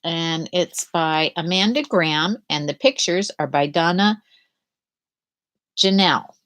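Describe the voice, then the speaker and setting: Her pitch fairly low, a middle-aged woman leads a live picture-book reading, pausing and stumbling a bit as she chats casually with the young audience. She gently asks them questions along the way.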